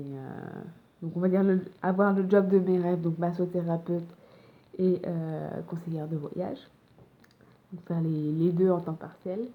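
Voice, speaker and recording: The audio is narrow and tinny, carrying a lowish female voice with a French accent. She's a young vlogger from France, sitting at home in Montreal and talking casually and personally to the camera, stumbling through many fillers and restarts.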